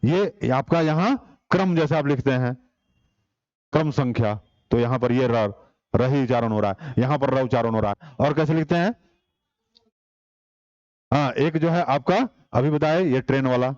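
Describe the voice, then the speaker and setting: A man's voice: medium pitch, normal speed, pauses often, darkish tone, no echo, dull audio. Man teaching a class, rhetorical questions. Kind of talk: online exam-prep class.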